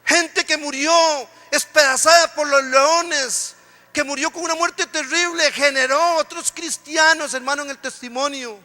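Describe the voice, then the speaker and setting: A man's voice: very high-pitched, fairly even intonation, measured pace, sharp tone. A man pastor preaching a sermon, impassioned, often calling the congregation "brother". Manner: impassioned preaching, repeated "hermano" address. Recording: long hall reverb.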